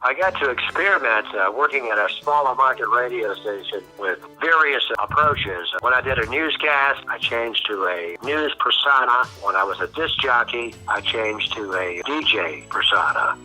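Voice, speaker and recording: An older voice-over veteran talks in a bright, forceful tone, slow and thoughtful, with many short pauses between phrases. His speech is mostly General American, with faint Southern traces left over. Soft music plays faintly in the background. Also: mid-range voice, animated, low-quality recording. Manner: measured, reflective, with frequent "uh" pauses. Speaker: voice-over artist, guest. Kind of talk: casual interview answers.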